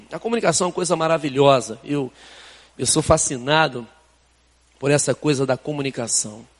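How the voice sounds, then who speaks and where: A man's voice: a little high, brisk, in a large hall. An older man with a Brazilian accent, preaching a sermon in a conversational style, with rhetorical questions and casual asides. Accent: Brazilian Portuguese. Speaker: pastor. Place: church sanctuary.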